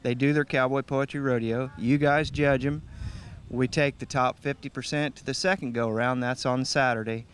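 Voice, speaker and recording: A man's voice: medium pitch, steady tone, normal speed, fairly bright tone, clear, resonant tone. Folksy man chatting about his event. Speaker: guest, event organizer and master of ceremonies. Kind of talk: casual interview chat.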